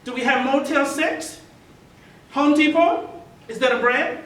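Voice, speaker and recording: Man speaking, high and echoey. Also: a little slow, fairly bright tone. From Tonga. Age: 50s. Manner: earnest, repetitive rhetorical questions. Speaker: mayoral candidate. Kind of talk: candidate forum speech. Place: large meeting hall. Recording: echoey hall from far off, faint noise.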